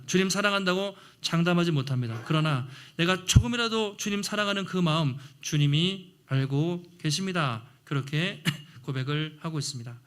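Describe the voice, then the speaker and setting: A man delivers a church sermon in an earnest, conversational preaching manner. His voice sits a bit higher than most men's, and he clears his throat often. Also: a bit bright. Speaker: pastor.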